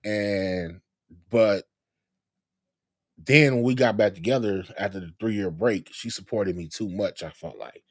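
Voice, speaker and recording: A middle-aged man, a comedian hosting a live talk show, talking in a relaxed, rambling way. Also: lowish voice, a little slow, no echo, studio quality. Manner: relaxed, rambling, lots of fillers. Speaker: podcast host, comedian. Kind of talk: casual chat.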